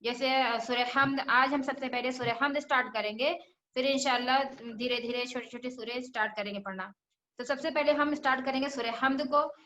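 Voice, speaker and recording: A woman's voice: high voice, steady tone, brisk, sharp tone, echoey room, slight background noise. A woman teaching children Quran recitation, patiently repeating each letter sound and asking questions as she goes. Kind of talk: religious lesson for children.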